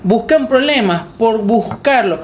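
A woman's voice: fairly high pitch, expressive, a little slow, a little hiss or hum. Give me a Venezuelan woman in casual podcast chat, storytelling with acted-out quotes. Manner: chatty storyteller, acts out quotes. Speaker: podcast co-host.

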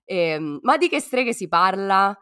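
A woman with a hoarse, cough-worn voice co-hosts a podcast, talking informally and playfully with plenty of slang. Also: medium pitch, big pitch swings, slow pace, pushed and bright. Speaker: podcast co-host. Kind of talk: casual podcast talk.

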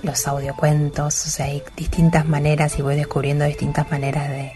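Soft-spoken woman, low voice. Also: level tone, moderate pace. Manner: soft, reflective, with hesitant restarts. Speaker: poet guest. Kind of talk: recorded interview and poetry reading. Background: music.

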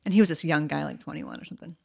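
A woman comedian talks in a chatty, candid way, with blunt humor. Her voice sits a little low for a woman. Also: rapid-fire, gravelly, dark tone, husky. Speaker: stand-up comedian and podcast co-host. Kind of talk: casual chat.

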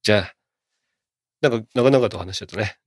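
A man hosting a podcast in casual chat, relaxed and laughing often, with quick agreeing interjections. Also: fairly low pitch, no room sound, studio quality.

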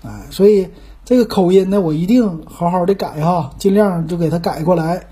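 A man's voice: high-pitched, moderate pace, warm tone, husky. A man with a Northeastern Mandarin accent, hosting his own show in a folksy, chatty way and often musing aloud with rhetorical questions. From Northeast China. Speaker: podcast host. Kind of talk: casual chat.

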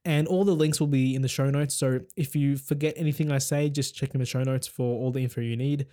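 A man's voice: mid-range voice, steady tone, quick pace, mellow. A young man hosting a casual tech podcast, rambling and joking with lots of fillers. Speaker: podcast host.

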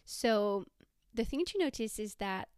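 A woman hosting a self-help podcast, talking conversationally in a measured, explanatory way. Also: medium pitch, expressive, a little mellow, no room sound, studio quality. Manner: measured, explanatory, listing examples. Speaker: podcast host.

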